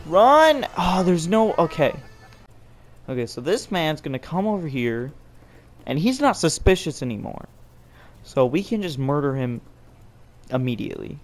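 A young man giving jokey, excitable, self-mocking commentary while playing a game. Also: a little high, normal speed, pauses often, faint music behind. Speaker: gameplay commentator. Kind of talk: let's play commentary.

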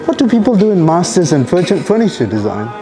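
A playful man with a slightly high voice teases the people around him, quick to poke fun at himself. He talks casually in an indoor cafe, picked up by a camera mic. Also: big pitch swings, over music. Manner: playful, teasing, self-mocking. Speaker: vlog host interviewing cafe guests. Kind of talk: casual teasing chat.

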